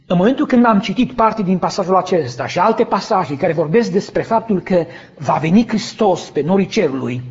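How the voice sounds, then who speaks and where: A man preaching a sermon, telling a vivid story with dramatic swells that build to shouts. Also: sits high, highs cut off. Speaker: pastor.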